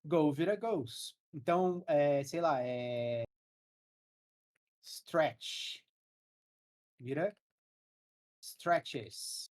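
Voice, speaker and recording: A woman's voice: low voice, drawn-out words, pauses often, a little mellow. A woman from Brazil teaching English grammar to developers in a live online class, explaining rules step by step and checking in with her students. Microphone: headset.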